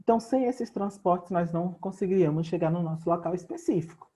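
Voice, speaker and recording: This remote class recording features a Brazilian Portuguese-accented man whose voice sits high and dark in tone, and he talks fast. Despite a sore throat and frequent coughing, he explains his geography lesson patiently and addresses his students directly from home.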